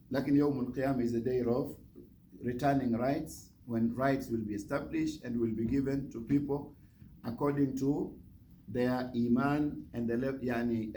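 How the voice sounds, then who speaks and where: In a warm, mid-range voice, a man acting as guest imam teaches through repeated phrases and questions to his audience during a religious lecture. The recording is rough, with noticeable background noise.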